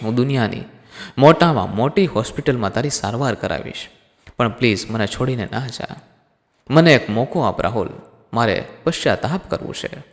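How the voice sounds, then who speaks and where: A man's voice: medium pitch, close to an everyday voice. A man voicing a desperate young wife who pleads through tears, in a storybook reading. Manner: pleading, crying speech. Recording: long hall reverb.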